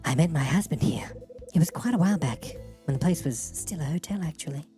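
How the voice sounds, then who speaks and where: A man using a voice changer to raise his voice into a woman's range, voicing a soft-spoken widowed woman in a game with slow, hushed, whispery reading. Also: animated, soft background music. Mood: wistful. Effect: voice changer pitching his voice up into a woman's range. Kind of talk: voicing game dialogue while streaming.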